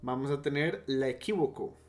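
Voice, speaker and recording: A man's voice: medium pitch, moderate pace, darkish tone. A man teaching logic in a casual online lecture, explaining step by step and stopping to restate and correct himself.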